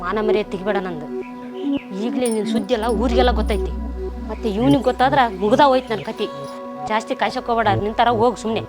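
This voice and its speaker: Actress as scolding village mother, North Karnataka accent, fast, music bed. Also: fairly high pitch, voice pushed down, close to an everyday voice. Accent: North Karnataka Kannada. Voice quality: scolding, curt. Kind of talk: short film acting.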